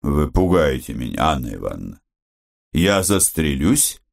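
A man's voice: a bass voice, big pitch swings, measured pace, gravelly, voice pushed down, exaggerated voice. A man reading a wry, joking young man. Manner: wry, bantering. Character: young man, joking, ironic, nervous bravado.

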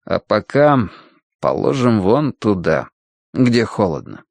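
A man reading a story aloud and voicing a big, kindly grown man who speaks in a low, calm and soothing way. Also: slow pace, gravelly, no room sound, heavily acted. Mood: gentle.

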